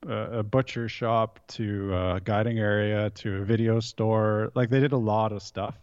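A man's voice: lowish voice, steady tone, a little slow, a little mellow, clear, resonant tone, dry recording. A man in his thirties with a Canadian accent, a guest in a casual interview, rambling with many fillers and restarts. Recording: dull, dry lo-fi sound.

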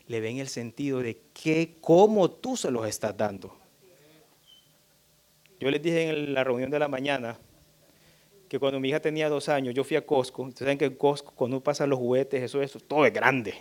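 A middle-aged man giving an emphatic, sermon-style talk on parenting, addressing the audience directly and jumping into high voices when he imitates children. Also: moderate pace. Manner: animated, jumps up high when voicing children. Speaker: church speaker on parenting.

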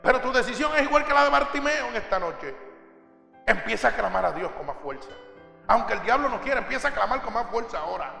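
A man preaching a fervent evangelical sermon, swinging from loud urgent calls to low hushed prayers. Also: expressive, fast talker, gravelly. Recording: echoey hall with long reverb. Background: soft music.

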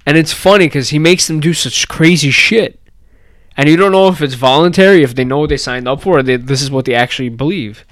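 Smooth-voiced man telling a story. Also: fairly high pitch, fairly quick, no room sound. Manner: animated storyteller, swears casually, many fillers. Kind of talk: casual chat.

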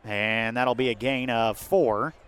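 A man with an American accent doing live football play-by-play outdoors atop a windy press box, lifting into excitement on big plays. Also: medium pitch, takes it slowly, crowd noise. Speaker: play-by-play sports announcer. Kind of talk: live American football radio-style commentary. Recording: windy outdoor stadium broadcast.

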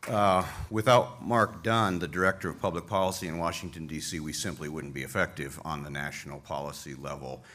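A man's voice: extremely low pitch, steady tone, fairly quick, few pauses, fairly bright tone, some chatter behind, a little hiss or hum. A man leading an association, giving a conference speech with folksy humor, openly emotional as he thanks his staff. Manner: folksy, self-deprecating humor. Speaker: association leader addressing members. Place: conference hall stage.

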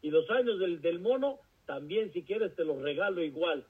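A man's voice: high-pitched, animated, moderate pace, husky. A man with a Mexican accent voicing God in a retold parable, replying bluntly and casually. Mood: offhand. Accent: Mexican Spanish. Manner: blunt, casual colloquial replies. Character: God handing out lifespans, matter-of-fact. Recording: tinny phone-like recording.

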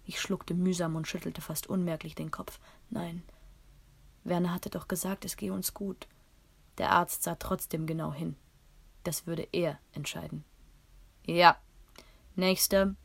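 Female audiobook narrator, calm and measured, low with a gravelly texture. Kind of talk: first-person story reading.

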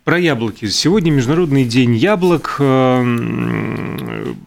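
A male co-host in relaxed chat, reeling off fun facts. He stumbles over words, fixes them as he goes and fills gaps with hesitant sounds. His voice sits at an ordinary middle pitch. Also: measured pace, creaky. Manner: chatty, hesitant with fillers, self-correcting. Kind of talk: casual chat reading out trivia.

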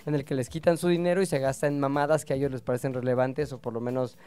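A man with a Mexican accent, a father and podcast host, talking in a casual, crude, joking way with sudden loud bursts. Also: mid-range voice, fairly even intonation, fast, clear, resonant tone. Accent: Mexican Spanish. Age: adult father.

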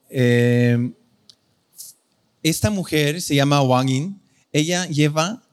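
A male pastor preaching a sermon in an earnest, conversational way, often correcting himself. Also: medium pitch.

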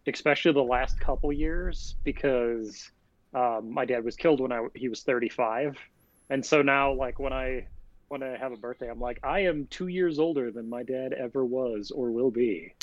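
A man in his late thirties talks in reflective, casual podcast chat. His voice sits at an ordinary pitch, and the sound is dry and slightly dull, with muffled highs. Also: moderate pace, no room sound. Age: 30s. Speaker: podcast co-host.

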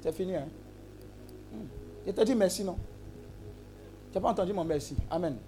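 A man's voice: sits high, normal speed, dark tone, faint music behind. A man preaching a sermon, exclamatory and teasing, with call-and-response to the congregation. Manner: humorous asides and teasing.

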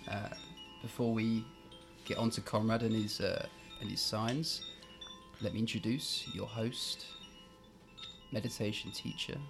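A man working as a podcast producer, introducing and chatting casually in a halting way. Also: fairly low pitch, fairly even intonation, vocal fry, a bit bright, soft background music.

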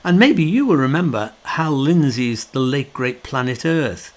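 A man's voice: mid-range voice, lively intonation, unhurried. A middle-aged man giving a reflective, conversational monologue, full of fillers and restarts, with a wry and sorrowful tone. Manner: wry, sorrowful tone about his subject.

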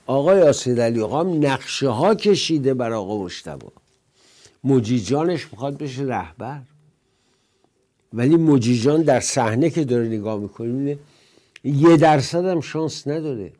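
Older male talk-show host, mellow voice. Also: medium pitch, lively intonation. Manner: conversational, rambling monologue with quoted verse. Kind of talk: political commentary talk show.

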